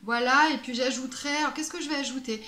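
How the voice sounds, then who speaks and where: A woman's voice: sits high, quick pace, pushed and bright. A woman chatting casually as a perfume vlogger, playful and self-mocking, with many fillers. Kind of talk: casual vlog chat. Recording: echoey room with faint music.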